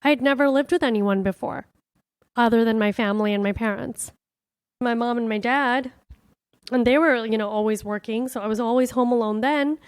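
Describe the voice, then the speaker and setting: A woman's voice: fairly high pitch, normal speed, clean tone, no echo, studio quality. A woman comedian hosting her own podcast, talking candidly and from the heart in a casual reflective monologue, full of "like" and "you know". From born in India, raised in Miami.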